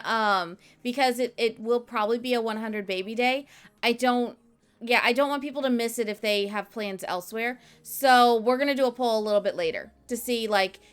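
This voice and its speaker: A woman's voice: fairly high pitch, a bit bright, clear, resonant tone. A woman streamer chatting casually with her viewers, with many fillers, and cooing at her dog. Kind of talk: casual livestream chat.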